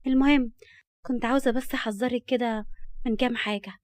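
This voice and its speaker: A woman's voice: on the high side, fairly even intonation, fairly quick, darkish tone, dry recording, clean studio sound, natural voice. A woman voicing a friendly, gossipy young woman colleague with an Egyptian accent.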